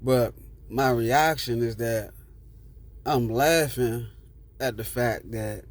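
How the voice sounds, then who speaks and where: A man's voice: mid-range voice, slow pace. A man telling a rambling personal story in casual street slang with plenty of swearing, sitting in a parked car.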